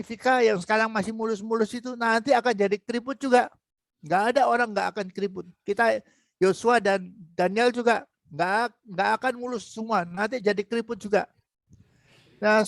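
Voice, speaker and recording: Gravelly, high-voiced man in his seventies. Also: dry recording. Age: 70s. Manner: repetitive, asks rhetorical questions, addresses students by name. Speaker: Bible teacher. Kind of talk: online Bible class teaching. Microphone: video call.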